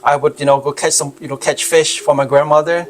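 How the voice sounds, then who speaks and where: A middle-aged man from Cambodia with a Cambodian accent, co-hosting a channel and telling his life story in a halting way full of fillers and restarts. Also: fairly high pitch, steady tone. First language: Khmer. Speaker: healer and channel co-host. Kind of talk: casual personal storytelling.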